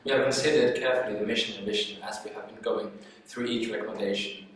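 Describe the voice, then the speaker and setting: Man, from Norway, case presentation, measured, plain, distant mic, echoey room. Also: fairly low pitch, fairly even intonation, slight background noise. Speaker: student presenter.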